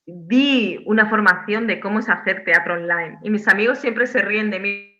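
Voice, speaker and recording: A woman from Spain speaks on a video call from her home as a theatre director. Her voice is bright and clear-edged, her delivery animated and full of restarts and little tag questions. The sound is a bit dull, as video calls are. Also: mid-range voice, moderate pace. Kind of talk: casual online interview.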